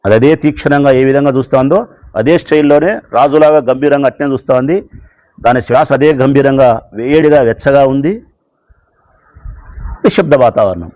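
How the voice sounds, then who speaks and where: A man telling a fable slowly and dramatically, with much repetition. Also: mid-range voice, mellow, muffled recording. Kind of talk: storytelling speech.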